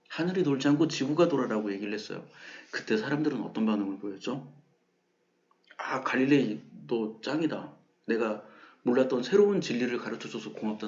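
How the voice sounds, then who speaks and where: Guy talking thru a math point casually, mid pitch, slightly muffled audio. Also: a little mellow. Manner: conversational, acts out quoted questions. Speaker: math channel host. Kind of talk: casual explanatory lecture.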